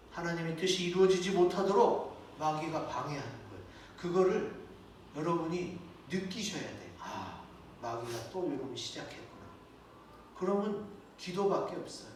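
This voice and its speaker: A male pastor delivers a sermon in a fairly high voice, talking to his congregation like a conversation and posing questions to them. The sound is very echoey, caught from some distance in a church sanctuary, with faint background noise. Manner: conversational preaching with rhetorical questions.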